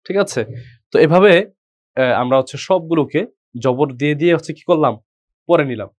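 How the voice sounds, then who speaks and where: Man slowly drilling Arabic letter sounds. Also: a little high, a little mellow. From Bangladesh. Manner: slow drawn-out letter drills, asks the class questions. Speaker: Quran teacher. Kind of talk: online class teaching Arabic letters.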